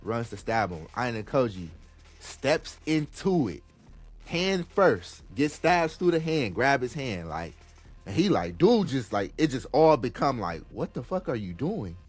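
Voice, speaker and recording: A man hosting a casual podcast chat, retelling a story in an animated, slangy, excitable way. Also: mid-range voice, unhurried, faint music behind. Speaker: podcast host.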